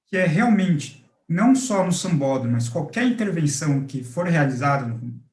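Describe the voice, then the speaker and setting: A man answering questions at a public hearing, speaking in a formal but halting way with fillers. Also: a little high, sing-song, darkish tone. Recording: roomy echoey sound.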